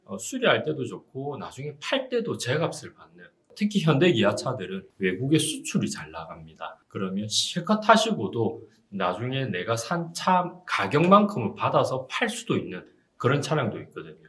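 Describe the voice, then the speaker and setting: A man in his forties from Busan, South Korea, plays a used car dealer in an informal on-camera interview, offering buying advice with a salesman's assured, explanatory style. His medium-pitched, slightly bright voice swoops wildly at a moderate pace with hardly any pauses.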